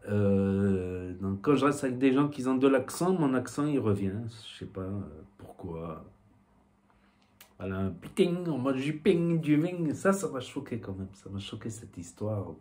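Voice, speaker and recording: Speaking in an unhurried, fairly low voice that is a little mellow and lively in intonation, a YouTuber addresses the camera casually. He comes from southwest France, has the accent of the region, and rambles with plenty of fillers and a repeated "voilà".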